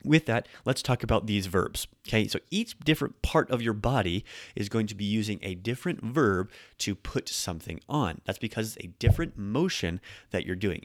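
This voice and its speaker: A man with a low voice hosts a relaxed Japanese lesson as a podcast host, explaining things in an upbeat, conversational way. English is his first language. The recording is studio quality, with no echo.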